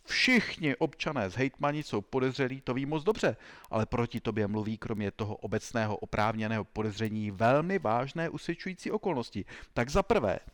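A man voicing a zealous, self-important male police agent who shouts accusations in an interrogation. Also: medium pitch, lightly acted. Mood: bullying.

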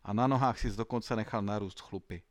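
A man's voice: lowish voice, no echo, natural voice. A man doing a stern little old woman. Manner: quiet, severe, measured.

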